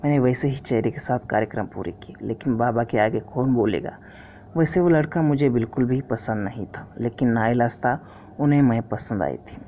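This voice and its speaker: A man narrates a first-person story in a steady, earnest read. His voice is mellow and unhurried, on a dull lo-fi recording with a faint hiss underneath. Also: mid-range voice.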